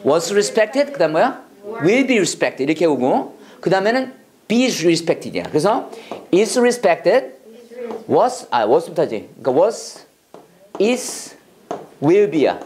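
An adult English prayer instructor, past his seminary studies, lectures a class in a mid-range voice, drilling phrases call-and-response style. Energetic and coaxing, he repeats the drills and pushes everyone to go faster, dropping jokey asides and chuckles in between.

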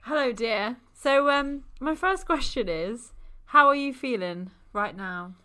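A woman's voice: fairly high pitch, lively intonation, a little slow, pushed and bright, smooth. A woman co-hosting a comedy podcast in casual chat, laughing a lot. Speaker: podcast co-host.

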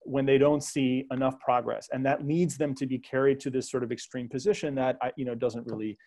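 A guest analyst on a discussion panel, this man answers hesitantly, with lots of fillers and restarts, and slips dry sarcasm into his points. His mid-pitched voice is fairly quick and darkish, with little pitch movement.

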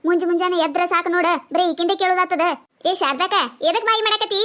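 A woman voicing a sharp-tongued village neighbor in a cartoon, snapping back in a North Karnataka Kannada accent. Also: extremely high pitch, fast talker, pitched below the performer's own voice. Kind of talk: cartoon voice acting.

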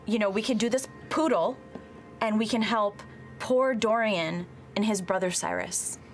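A woman's voice: mid-range voice, measured pace, over music. A young woman chatting casually in character as a tabletop game player, peppy and chatty with valley-girl phrasing. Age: young adult. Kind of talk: casual in-character improvised chat. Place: indoor studio set dressed as a tavern.

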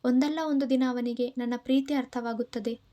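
Grieving older mother, tearful, pleading, high voice, soft mellow tone, a woman voicing her. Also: fairly even intonation, brisk, lightly acted.

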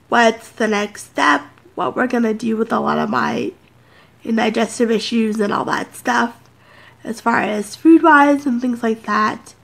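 Congested and a little nasal, a woman in her thirties chats to camera from her home office in a rambling sit-down vlog full of fillers. Her voice sits on the high side, with a gravelly yet fairly bright tone.

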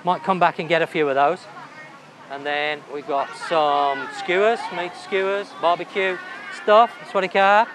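A travel vlogger walks through a busy outdoor night market, filming on a handheld camera amid loud market noise. His voice is a little high and a little slow as he chats enthusiastically and thinks aloud about the food he sees.

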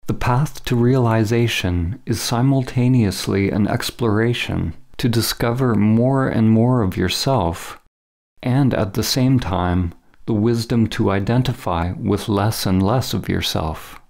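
A man narrates a scripted spiritual meditation in the role of a teacher, speaking in measured, deliberate phrases with short pauses. His voice is lowish, creaky and a little mellow.

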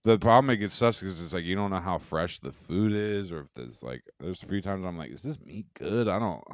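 Young man, podcast co-host, loose profane rambling, low pitch, smooth resonant voice, dry close mic. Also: a little fast, no echo. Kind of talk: casual chat.

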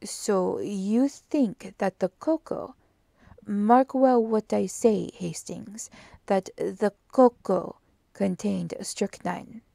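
A woman voicing a fussy, precise older male Belgian detective who asks slow, emphatic questions in a storybook reading. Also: mid-range voice, creaky, mellow, dry recording, full character voice. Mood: amused. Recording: dry close audiobook recording.

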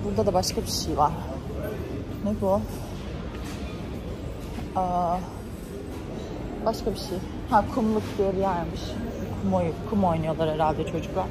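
A young woman vlogging in casual chat, ranting in an animated, exasperated way with sudden high outbursts. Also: very noisy. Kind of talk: casual vlog chat to camera.

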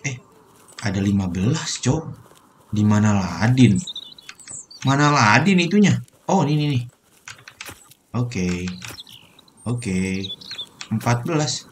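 Young male streamer from Indonesia, chatty and profane, steady mid-pitch voice, faint typing noise. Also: slow, pauses often. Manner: chatty, swears often, addresses viewers. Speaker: gaming streamer. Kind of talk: casual let's-play commentary.

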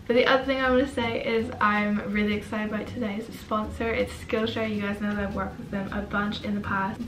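A young woman vlogger chatting casually to camera at home. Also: mid-range voice. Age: young adult. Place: indoors in an apartment. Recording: roomy, distant mic, music behind.

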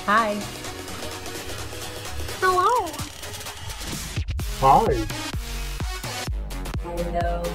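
A woman saying short greetings through a pitch-shifting voice filter that makes her sound half robotic and squeaky. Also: very animated, extremely slow, pauses often, music in the background.

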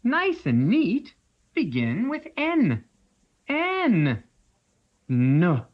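A woman narrating a children's alphabet lesson in a slow, playful, expressive way. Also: low-pitched. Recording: dull lo-fi track with faint music.

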